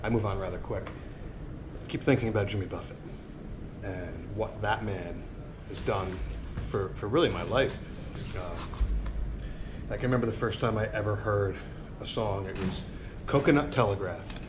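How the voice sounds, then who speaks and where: A middle-aged sailing vlogger with a fairly low voice talks to camera at normal speed from an outdoor porch by a marina. In a casual, reflective monologue he muses earnestly and ramblingly on life, urging viewers to stop worrying. An action camera on a tripod a few feet away picks him up along with outdoor ambient noise.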